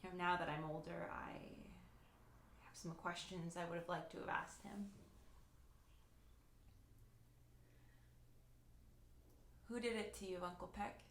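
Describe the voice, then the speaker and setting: A woman's voice: mid-range voice, steady tone, vocal fry, natural voice. Actress as haunted woman in searching soliloquy, echoey room. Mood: searching, wounded. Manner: searching soliloquy, halting with heavy pauses. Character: grown woman haunted by her late uncle, reflective, searching. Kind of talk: searching dramatic monologue. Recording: echoey room with faint noise.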